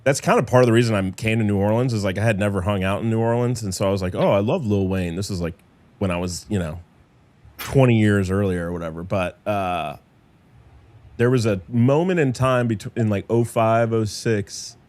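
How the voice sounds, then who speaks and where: A man's voice: on the low side, a little fast, a little mellow, no room sound. A man hosting a casual podcast chat, profane and teasing. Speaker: podcast host.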